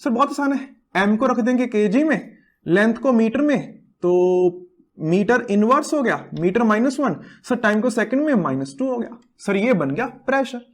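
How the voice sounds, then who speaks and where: A man's voice: extremely high pitch, lively intonation, normal speed. A man voicing an eager male student who answers his teacher dutifully, one step at a time. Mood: answering.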